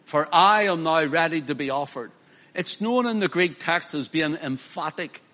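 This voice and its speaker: A male preacher, his voice high and bright. He preaches emphatically, rising to loud declamations and dropping to soft, personal appeals. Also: expressive, moderate pace. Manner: emphatic, swings from loud declaiming to quiet pleading. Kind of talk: sermon.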